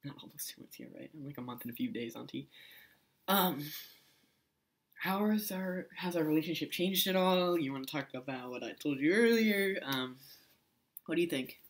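A man's voice: a little high, lively intonation, moderate pace. A young man talking casually to camera in a vlog, rambling with restarts and fillers. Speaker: vlogger.

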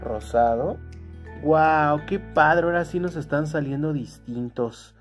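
Excitable man, slow-talking toy unboxer. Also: a little high. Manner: excitable, bursts into delighted exclamations, fond of cute diminutives. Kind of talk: casual toy unboxing chat to viewers. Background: background music.

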